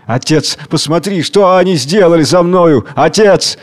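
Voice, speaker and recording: Man doing a childlike pauper, lisping, stammering, trembling, high voice. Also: a little slow, in a large hall, natural voice. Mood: pleading. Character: kneeling man who talks like a child.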